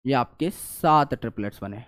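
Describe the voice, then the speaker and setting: A male biology teacher, lecturing online while he draws a diagram. He keeps asking questions and answering them himself, going loud on the questions and muttering as he draws. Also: mid-range voice, moderate pace. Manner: repetitive, asks and answers own questions; swings between loud questions and quiet drawing mutters.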